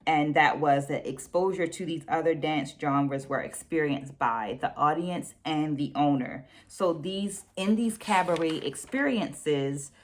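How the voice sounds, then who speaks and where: A woman with a deep voice hosts a book review discussion, speaking in deliberate, emphatic phrases. She checks in conversationally and reads quotes aloud.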